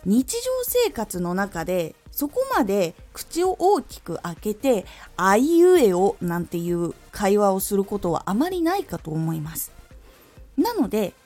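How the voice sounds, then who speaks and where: A former voice actress hosts her audio stream and teaches speech drills in a lively, teacherly way. Her pitch swings animatedly as she stresses key words. She sounds out each vowel with careful, exaggerated articulation over faint background music. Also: a little slow. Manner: lively teacherly delivery with clear articulation demos. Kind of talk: instructional talk on diction.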